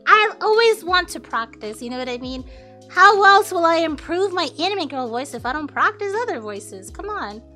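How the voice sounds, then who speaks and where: A woman's voice: very high voice, moderate pace. A young woman chatting casually on a cooking livestream in a cute, girlish, giggly anime-streamer manner, speaking into a close mic. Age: young adult. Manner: giggly, expressive. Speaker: live streamer. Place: home kitchen, indoors. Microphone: close studio mic on a boom arm. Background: music.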